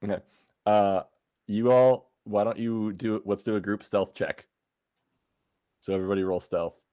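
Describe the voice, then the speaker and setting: A man's voice: on the low side, fairly even intonation, moderate pace, warm tone. A man running a tabletop game as game master, narrating scenes casually with hesitant fillers.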